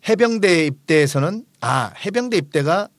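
This restaurant owner in his forties hosts a book discussion show, talking through ideas conversationally and with emphasis. He speaks at a moderate pace in a slightly high, expressive voice, recorded dry and clean in a studio.

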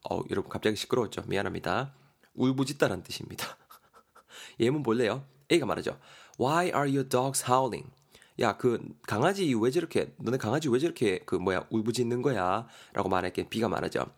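Lively Korean man teaching vocabulary. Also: fairly low pitch, fairly quick, creaky, husky. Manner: animated, acts out example dialogues. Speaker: English teacher. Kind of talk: podcast vocabulary lesson.

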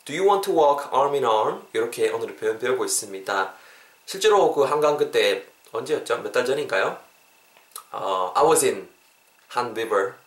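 A man hosting a podcast English lesson. He jokes playfully, switches between Korean and English, and drills pronunciation by slowly repeating short phrases. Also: medium pitch. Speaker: English teacher and podcast host. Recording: echoey room, distant mic.

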